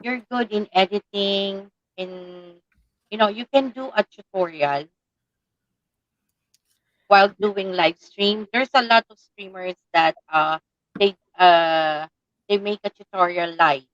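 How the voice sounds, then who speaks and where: A woman's voice: medium pitch, slow pace, dry recording, lo-fi sound. A woman from the Philippines with a Filipino accent hosting a casual chat, searching for her English words and slipping into Tagalog. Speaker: live-stream host.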